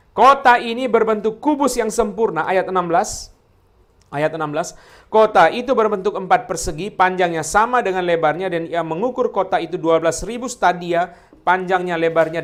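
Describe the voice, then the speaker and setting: A man's voice: high-pitched, fairly bright tone. A man preaching a sermon to his congregation. He keeps turning to the listeners with direct address and poses question after question, then answers them himself. Key words come back again and again, hammered home. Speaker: pastor.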